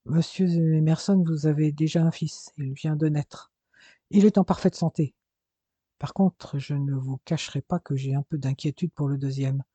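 A man voicing a gentle male doctor who delivers bad news quietly and soberly. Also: a little high, fairly even intonation, moderate pace, no echo, dull audio, close to an everyday voice. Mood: grave gentle. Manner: quiet, sombre and careful.

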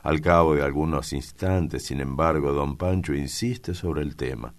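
A man from Argentina reading a classic novel aloud in a measured narration. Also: very deep voice. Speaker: audiobook reader. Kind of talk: scripted literary narration.

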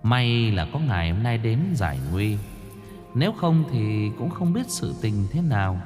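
A man voicing a gentle temple goddess in a spoken ghost story, speaking softly and courteously. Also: fairly low pitch, expressive, long reverb tail, music in the background. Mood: serene. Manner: soft, measured, courteous.

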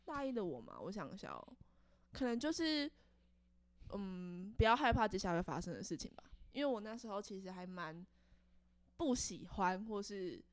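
A young woman, co-hosting a casual podcast and reacting with quick, lively comments. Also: mid-range voice, dry recording. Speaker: podcast co-host.

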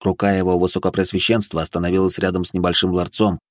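Deep-voiced male audiobook narrator. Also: little pitch movement, fast, no echo, clean studio sound.

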